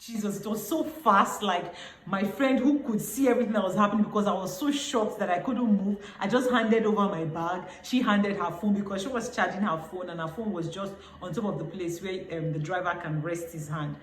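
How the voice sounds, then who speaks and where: A young adult woman with a Nigerian accent, sharing a personal testimony in a conversational, expressive way, full of fillers. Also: medium pitch, brisk. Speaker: testimony speaker. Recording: roomy echo, faint background noise.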